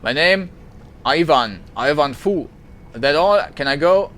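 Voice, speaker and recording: A man's voice: fairly high pitch, normal speed, fairly bright tone, lightly acted. A man voicing a battered, hostile old male squatter in a game, who talks in curt, snapping lines.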